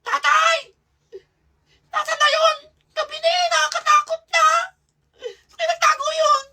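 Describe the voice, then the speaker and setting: A woman voicing a playful, excitable little schoolkid who talks in a squealing, giggly way. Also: very high-pitched, unhurried, voice pushed up. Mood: wailing. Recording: loud background noise.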